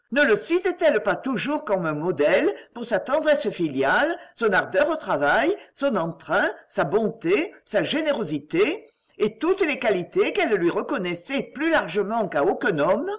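Expressive woman reading a novel aloud. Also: mid-range voice, slightly rough. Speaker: audiobook narrator. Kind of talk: scripted narration.

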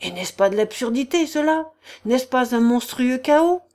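A woman's voice: lively intonation, a little slow, darkish tone. A woman doing a furious, scolding older noblewoman. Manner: shrill, scolding outbursts. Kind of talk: audiobook character voice.

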